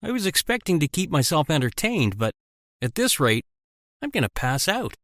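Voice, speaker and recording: A man voicing a bored, cocky female captor who mocks her prisoners, in an animated story. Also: fairly high pitch, normal speed, no room sound, clean studio sound, pitched above the performer's own voice. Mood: mocking. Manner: mocking, teasing.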